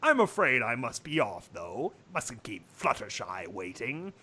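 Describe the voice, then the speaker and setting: Someone putting on a deep, sly trickster creature. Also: female voice, very animated, bright, forceful tone, breathy edge, heavily acted. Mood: wry, suave. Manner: grandiose, wry, drawn-out. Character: sly, suave male trickster creature, theatrically polite. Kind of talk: comic fan fiction read-aloud.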